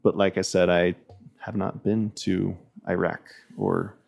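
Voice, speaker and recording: Low, gravelly-voiced man chatting on a podcast. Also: little pitch movement, measured pace, darkish tone, soft background music. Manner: rambling, many restarts and "like" fillers. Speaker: podcast guest. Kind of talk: casual podcast chat.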